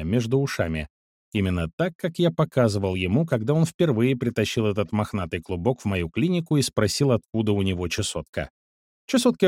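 A man reading a first-person story aloud, in a measured, calm and precise storytelling manner. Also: medium pitch, dry recording, clean studio sound. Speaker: audiobook narrator. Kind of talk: first-person scripted narration.

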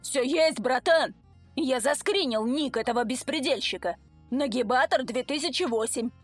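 A woman's voice: sits high, moderate pace, no room sound, soft background music. A woman voicing a big, tearful businessman and ex-convict gamer who bellows in prison slang. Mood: raging. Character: burly sobbing businessman, ex-convict gamer, man.

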